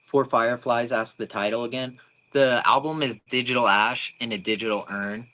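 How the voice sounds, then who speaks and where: A man's voice: medium pitch, fairly even intonation, normal speed, pushed and bright, rough recording. A man in his twenties co-hosting a casual livestream, reading out viewer comments in a chatty way. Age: 20s. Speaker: livestream co-host.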